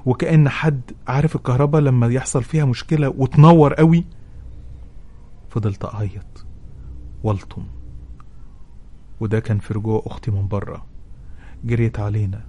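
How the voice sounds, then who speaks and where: A man's voice: medium pitch, mellow. A man with an Egyptian Arabic accent, a show host who reads a listener's letter with emotion and then gives advice. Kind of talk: dramatic reading and advice.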